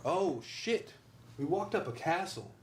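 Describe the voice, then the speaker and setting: A man's voice: a little high, sing-song, a little slow, roomy sound, a little hiss or hum. A man co-hosting a podcast, joking and teasing his friends in casual banter. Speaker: podcast co-host.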